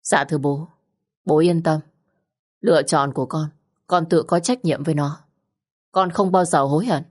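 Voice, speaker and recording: Brief: a woman voicing a low, cool young husband, short firm replies, storybook reading. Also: normal speed, darkish tone, slightly rough.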